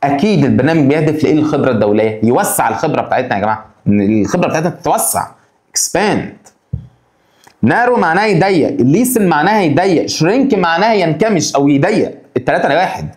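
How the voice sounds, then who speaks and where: A man with an Egyptian Arabic accent teaching an English exam-prep lesson. He keeps putting quick rhetorical questions to his students. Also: a little high, lively intonation, darkish tone, echoey room.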